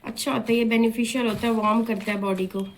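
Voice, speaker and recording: A woman's voice: a little high, fairly even intonation, fast talker, poor audio. A woman patiently explaining how a dish is made, in a casual way. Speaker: home cook explaining a recipe.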